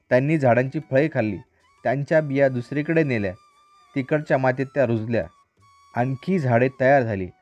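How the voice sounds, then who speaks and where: A man reading a children's story aloud in a calm, rhythmic storyteller manner. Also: medium pitch, no room sound. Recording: dry, slightly dull recording.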